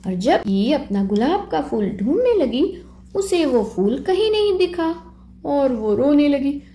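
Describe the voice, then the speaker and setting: A woman narrating a puppet story for children in an expressive, sing-song way. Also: sits high, a little slow. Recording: roomy echo.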